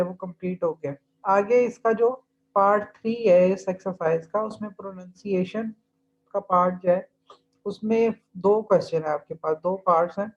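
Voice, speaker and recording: A man's voice: high-pitched, a little mellow. A male language teacher giving an online class, patiently repeating drill phrases and explaining each step. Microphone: computer mic in an online class. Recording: dull, lo-fi online class audio.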